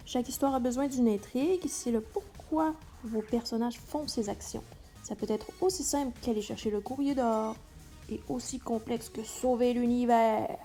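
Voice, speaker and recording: A woman presenting an instructional video teaches an explanatory lesson to students, her voice on the high side and her pace normal. She speaks to the listener directly and leans on key words while music plays behind.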